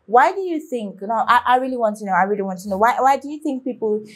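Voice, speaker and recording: A young woman with a fairly high, animated voice hosts a reaction video at a quick pace. She rambles casually with plenty of fillers and restarts, speaking straight to viewers and asking what they think.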